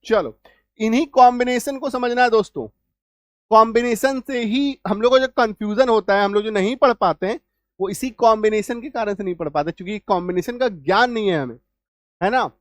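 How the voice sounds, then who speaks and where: A male teacher explaining English spelling rules, spelling out letters slowly and often asking whether the class has understood. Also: high-pitched, fairly bright tone, no room sound, clean studio sound. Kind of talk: spoken spelling lesson.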